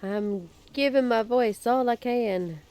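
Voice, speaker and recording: Hoarse, nasal woman streaming a game. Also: fairly high pitch, slow pace, darkish tone, slight background noise. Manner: chatty, self-deprecating asides to viewers. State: hoarse and nasal from sinus trouble. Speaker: streamer playing a video game. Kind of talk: casual live-stream chat and reading in-game notes aloud.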